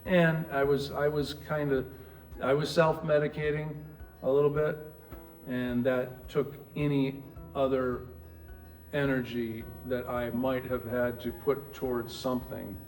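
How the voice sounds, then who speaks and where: Middle aged new hampshire guy, ex football player, rambly halting interview talk, bit of music behind. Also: mid-range voice, little pitch movement, a little mellow. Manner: rambling, halting, with many restarts. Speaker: guest, former pro football player. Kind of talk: casual interview storytelling.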